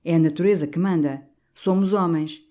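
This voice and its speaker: A woman voicing a young, cynical male priest who talks back with defiant, sneering calm, for an audiobook. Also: low voice, fairly quick.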